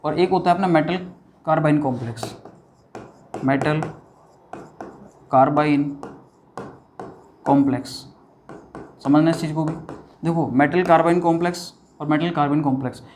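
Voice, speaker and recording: A man with a slightly high, somewhat mellow voice talks at a quick pace over a faint hiss or hum. He's giving a chemistry lecture at a whiteboard in a conversational way, posing questions and answering them himself while often saying "bhaiya" and "theek hai."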